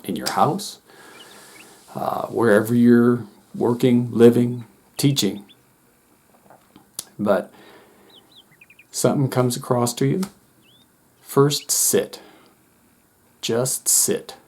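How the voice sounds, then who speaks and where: A middle-aged man, a former wilderness instructor, calmly explaining a coping technique to teachers in a steady, reassuring way. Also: medium pitch. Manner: calm, steady, gently reassuring. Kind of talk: calm instructional talk to teachers.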